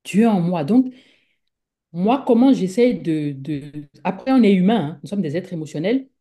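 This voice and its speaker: A woman's voice: fairly low pitch, animated, normal speed, warm tone. A woman from Africa, a guest speaker, talking conversationally in a rambling way full of fillers and repeated words, and acting out her own thoughts as little quoted speeches. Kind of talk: conversational talk.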